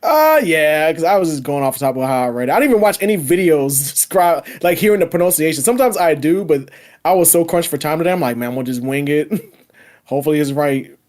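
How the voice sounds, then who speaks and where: Higher-voiced man joking in podcast chat. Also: expressive, darkish tone. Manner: laughs often, quick joking interjections. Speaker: podcast host. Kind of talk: casual chat.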